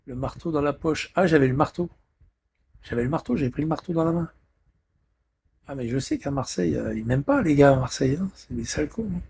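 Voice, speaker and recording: A man's voice: on the high side, expressive, fairly quick, creaky, a little mellow, slight background noise. A man in a rambling live stream chat, irritable and swearing constantly, talking from a friend's apartment.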